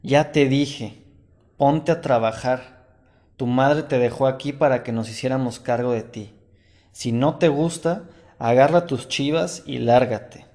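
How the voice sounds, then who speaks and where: A man's voice: mid-range voice, animated, a little fast, hardly any pauses, a little mellow. A man doing a curt, scolding workshop boss. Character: harsh middle-aged male workshop boss.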